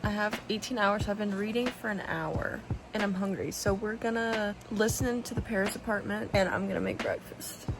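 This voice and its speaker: A young woman vlogging casually about her reading, chatty and excitable, saying "like" a lot. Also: medium pitch, moderate pace, hardly any pauses, noisy background. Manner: chatty and excitable, heavy use of "like". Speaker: book vlogger. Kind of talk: casual vlog chat. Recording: background music under the voice.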